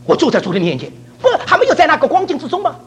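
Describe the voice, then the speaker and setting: A man's voice: very high-pitched, huge pitch swings, rapid-fire, a bit bright, slight background noise. An older man from China preaching a sermon, laughing often and mixing English words into his talk.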